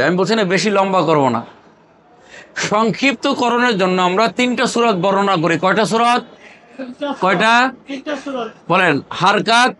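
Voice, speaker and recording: A man's voice: sits high, sharp tone. A man from Bangladesh teaching Quran recitation to a class, asking questions again and again, prompting the group to answer aloud and drilling terms in chanted repetition. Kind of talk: call-and-response classroom teaching.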